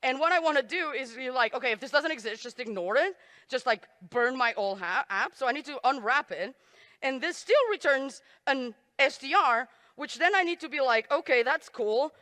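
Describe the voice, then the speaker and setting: A woman talks an audience through live coding in a bright, clear voice, tossing in self-mocking jokes as she types. Her voice rings through a large hall with a long reverb tail. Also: high-pitched, animated, normal speed. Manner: self-deprecating, joking asides while typing. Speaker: conference speaker. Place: conference stage in a large hall.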